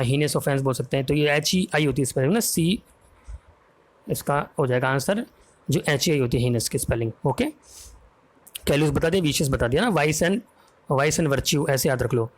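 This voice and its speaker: Indian male tutor, slightly high voice, patient spelling-out delivery, constant check-ins with students. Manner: explains slowly, spells words letter by letter, asks "ok?" and "है ना?" often. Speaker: English grammar teacher. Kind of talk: exam-prep vocabulary lesson in Hindi with English words.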